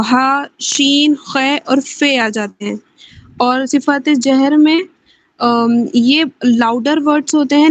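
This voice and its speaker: A woman student summarizing a lesson over a video call. She hesitates often and fills pauses as she explains. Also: high-pitched. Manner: hesitant, many fillers. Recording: dull lo-fi call audio.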